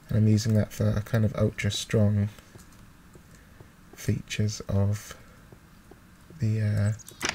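Guy doing a slow casual let's play, gravelly mellow voice, kinda hesitant, mouse clicking in the background. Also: fairly low pitch. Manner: hesitant, thinking aloud. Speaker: gaming video host. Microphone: close desktop microphone with gain high. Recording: faint noise, mouse clicking behind. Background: mouse clicks and keyboard noise.

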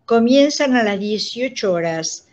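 Joining an interview by video call from indoors, a radio drama director, an older woman with an Argentine accent, explains things in a conversational way. Her voice sits a little high, expressive and somewhat slow. The device microphone yields dull, low-fidelity sound.

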